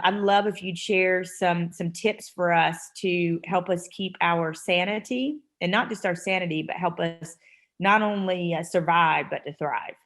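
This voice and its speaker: A woman's voice: lowish voice, fairly bright tone. Emotional encouraging woman hosting a call. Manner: emotional, encouraging, talks in long run-on thoughts. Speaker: host of a mentoring call. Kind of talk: heartfelt casual talk on a video call. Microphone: video call.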